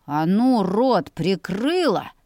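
A woman's voice: mid-range voice, very animated, slow, warm tone, no room sound, clean studio sound. Woman doing a sneering bully big brother. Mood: mocking. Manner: sneering and threatening. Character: crude greedy teenage older brother, male, bullying. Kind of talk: audiobook character voice.

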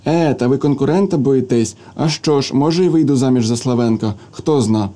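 A man reading the part of a sharp-tongued young woman in an audiobook, in an ironic, teasing manner. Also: mid-range voice, a little fast, natural voice.

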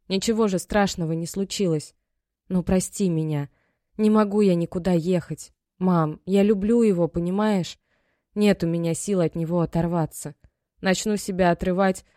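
A woman's voice: on the low side, unhurried, warm tone, no room sound, clean studio sound, natural voice. A woman voicing a stubborn young daughter in love, defiant toward her mother. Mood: tearful. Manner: defiant, pleading.

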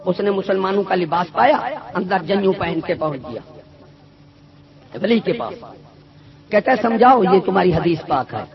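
A man preaching a sermon full of stories, emphatic and swinging between loud and soft. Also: high voice, animated, vocal fry, long pauses. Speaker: Sufi preacher. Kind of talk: sermon with storytelling. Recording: dull lo-fi recording with a loud crowd.

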